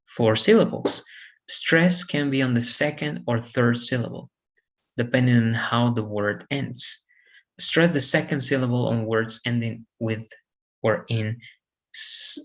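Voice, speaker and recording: Gravelly-voiced man teaching English vowels. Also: mid-range voice, a bit bright, rough recording. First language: Spanish. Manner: lists example words with frequent "right?" checks. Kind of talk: lesson on vowels and word stress.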